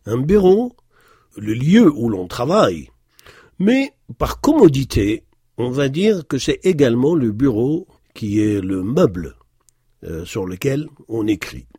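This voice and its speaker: A man teaches a language lesson, speaking slowly and pausing often to find his words. His husky voice rises and falls in a lively way as he repeats words to model their sound. The recording is dry and close. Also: mid-range voice, no room sound. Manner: slow, patient explanation with frequent hesitations. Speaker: Arabic teacher.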